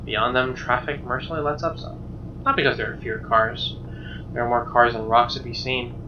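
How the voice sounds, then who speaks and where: A let's play streamer reads visual novel narration aloud in a conversational way, stumbling over lines now and then and adding casual asides. His mid-range voice is steady and fairly quick, captured on a muffled, distant mic over background noise and guitar music.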